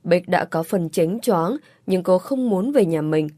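A woman narrating an audiobook story in an even, measured way. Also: fairly low pitch. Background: faint music.

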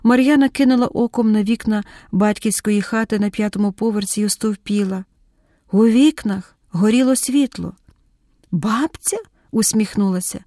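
A woman narrating an audiobook at a middling pitch. Her reading is measured and unhurried. The recording is dry and close to the mic. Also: warm tone, no echo.

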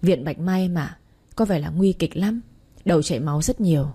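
A male secretary , as a woman narrator reads him, talks in a hurried, urgent rush. His voice is low and husky, with a muted, mellow tone, in an audio romance story. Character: urgent male secretary delivering bad news.

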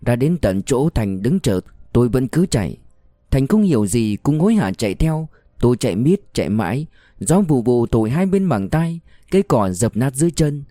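A man reading a war novel aloud in steady, measured narration. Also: medium pitch, dry recording, clean studio sound. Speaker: audiobook reader.

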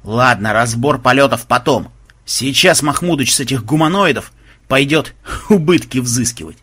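A man's voice: medium pitch, lively intonation, moderate pace, sharp tone, breathy edge. A man voicing a brusque male squad commander barking orders in an audiobook. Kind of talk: audiobook voice acting.

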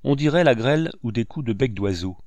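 A man narrating a classic novel as an audiobook in a measured, even reading. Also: mid-range voice, no echo. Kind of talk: scripted narration.

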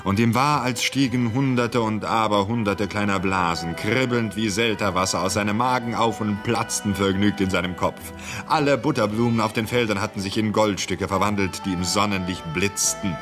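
A man narrating a radio drama in a measured storytelling manner. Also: on the low side, music in the background.

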